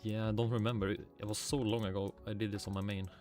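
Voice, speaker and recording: A man from Sweden streams a game, talking fast in a fairly low, darkish voice with little pitch movement. In his Swedish accent he chats casually, mutters to himself, swears lightly, and answers his chat. Faint music and keyboard typing can be heard behind him.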